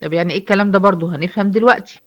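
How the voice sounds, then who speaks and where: Fast-talking Egyptian woman teaching. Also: mid-range voice, dull audio. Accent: Egyptian Arabic. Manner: explanatory, asks the class questions and answers them herself. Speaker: Quran recitation teacher. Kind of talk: online lecture.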